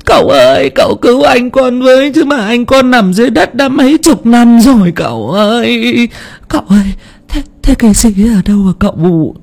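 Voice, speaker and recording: A high, gravelly voice sobs and begs: a man acting out a grieving middle-aged market woman in an audiobook. She wails for her lost brother. Her voice is rough and raised far above a man's usual pitch. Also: lively intonation, normal speed, exaggerated voice. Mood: wailing grief. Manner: wailing, pleading, sobbing. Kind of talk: audiobook character voice.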